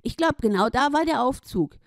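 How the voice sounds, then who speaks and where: A woman's voice: sits high, animated, normal speed, dry recording, studio quality, voice pushed up. A woman voicing a cheerful, easygoing male storybook hero who answers lightly.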